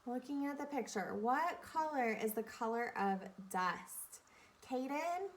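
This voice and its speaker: A woman with a high voice and lively intonation runs an interactive read-aloud for young kids in the role of an elementary teacher. She teaches deliberately, going back over key phrases and questions.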